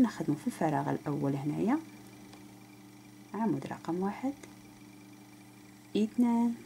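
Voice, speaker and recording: A woman's voice: on the low side, creaky, mellow, slight background noise. A woman with an Algerian Arabic accent teaching crochet step by step, counting stitches aloud and speaking straight to the viewer. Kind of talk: step-by-step craft tutorial.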